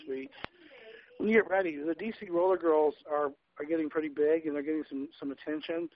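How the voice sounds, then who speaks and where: A man's voice: a little high, steady tone, brisk. Tipsy rambling male caller on lo-fi line. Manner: rambling, stammering, swearing. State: drunk. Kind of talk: casual call-in chat. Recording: dull lo-fi phone call audio.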